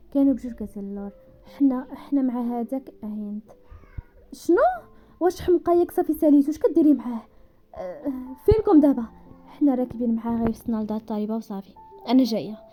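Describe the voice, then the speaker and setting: A woman with a Moroccan Darija accent narrating a romance story at speed, voicing the characters' dialogue as she goes. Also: a little high. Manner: rapid, animated reading that slips into characters' voices.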